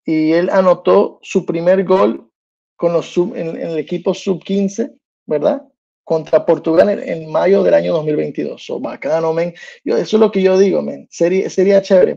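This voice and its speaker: A New Jersey man in his thirties hosts a solo sports podcast, chatting loosely and dropping English slang into casual commentary. His voice is fairly high, gravelly, and mellow, with fairly even intonation at normal speed. The recording from a small indoor room sounds muffled.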